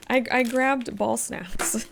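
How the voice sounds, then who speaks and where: Tired and a bit sniffly, a woman chats casually on a gaming livestream, reading chat messages aloud and laughing a lot. Her voice is a little high with a gravelly texture.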